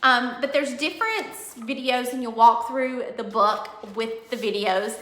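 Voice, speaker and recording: A woman fitness coach chatting through a nutrition plan in a casual video, rambling with many ums and self-corrections, a bit hoarse. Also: fairly high pitch, unhurried, a bit bright. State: losing her voice. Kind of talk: casual product walkthrough video. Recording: echoey room.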